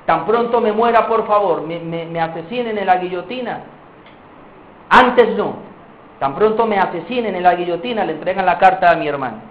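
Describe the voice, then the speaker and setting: A man preaching voices a calm, devout brother who quietly takes the blame for a crime. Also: sits high, moderate pace, reverberant, phone-quality sound, slight background noise, voice pushed down, natural voice. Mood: quiet pleading. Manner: quiet, soft, solemn.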